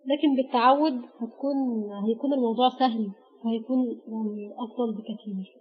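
Speaking in a steady tone with a breathy edge and a voice on the high side, a patient Egyptian woman teaches Arabic letters while explaining grammar. She spells them out one by one with pauses, and the recording is dull and lo-fi.

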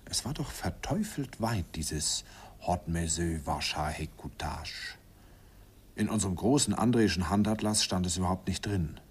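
In a radio drama narration, an actor plays a man in his forties looking back on his student days, recalling his youth with wistful self-mockery. His deep voice is expressive and slightly rough, delivered at a normal speed and heavily acted.

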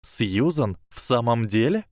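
A man's voice: medium pitch, lively intonation, unhurried, dry recording, clean studio sound, close to an everyday voice. A man voicing a dazed schoolgirl witch who speaks politely but firmly.

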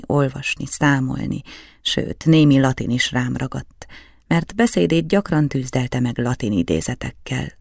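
Gravelly male audiobook narrator. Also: medium pitch, a little mellow, dry recording, clean studio sound. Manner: measured, storytelling. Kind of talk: scripted narration.

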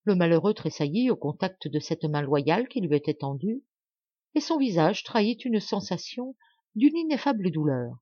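A woman from France giving an expressive, measured literary audiobook narration. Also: on the low side, no echo. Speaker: audiobook reader. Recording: dull, dry home recording.

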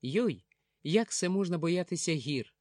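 A man's voice: a little high, lively intonation, moderate pace, a little mellow, dry recording, clean studio sound, natural voice. A man doing a terse mountain instructor. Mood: inviting. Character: terse, stern young mountain ski instructor.

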